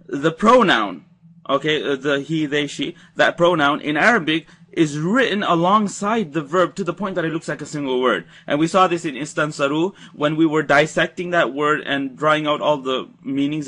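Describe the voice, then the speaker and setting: A man's voice: on the high side, moderate pace, sharp tone. A man teaching Arabic verb conjugation in a recorded slide lecture, explaining patiently and repeating key points.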